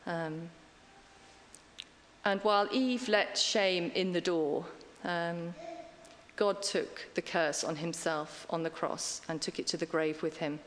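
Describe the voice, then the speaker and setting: Middle-aged lady preacher, kinda low voice, chatty with lots of ums, long echo off the church hall. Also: slight background noise. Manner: chatty and self-deprecating, many ums. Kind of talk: conversational sermon.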